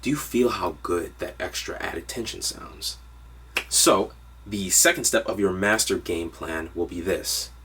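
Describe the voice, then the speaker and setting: Low-voiced man teaching piano harmony. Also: measured pace, pushed and bright, far from the mic. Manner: upbeat, direct instructional delivery. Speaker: music teacher. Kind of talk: online piano harmony lesson.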